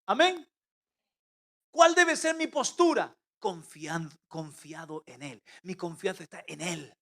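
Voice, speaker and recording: A man preaches a sermon to a church as its pastor, his high-pitched voice slow, creaky and lively in intonation. He swings between loud, emphatic calls and quiet, intimate asides.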